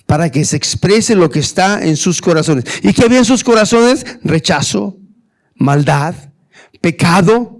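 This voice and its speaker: Un pastor predicando con fervor en español, haciendo preguntas retóricas y llamando "hermano" a sus oyentes. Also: male voice, sits high, lively intonation, a little slow. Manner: earnest preaching, often addressing "hermano", rhetorical questions. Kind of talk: sermon.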